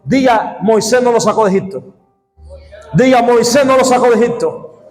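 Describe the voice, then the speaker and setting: A male pastor preaching a sermon with call-and-response, often breaking into shouts. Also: very high-pitched, animated, moderate pace, soft background music. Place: church sanctuary. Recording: echoey church hall reverb.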